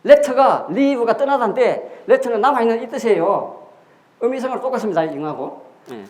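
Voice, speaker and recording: A man's voice: very high voice, expressive, moderate pace, a little mellow. A man giving a classroom lecture on history and characters, explaining step by step with rhetorical questions and repeated key words. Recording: echoey room.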